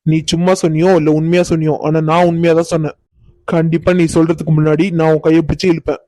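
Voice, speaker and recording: A cocky young village lad who loves to tease, voiced by a woman with a deep, flat, dark tone. He talks fast and slips his jokes in with mock innocence. Dry, close cartoon dub. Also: dry recording, natural voice. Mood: teasing. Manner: teasing, unhurried, mock-innocent. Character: teasing young village man, cocky and playful. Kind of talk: cartoon voice acting.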